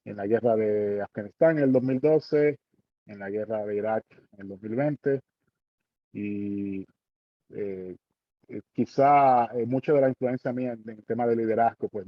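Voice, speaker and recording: Halting Dominican man, dry dull sound. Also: mid-range voice, no echo. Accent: Dominican Spanish. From Dominican Republic. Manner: halting, many fillers and tag questions. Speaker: guest speaker. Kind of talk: online panel talk.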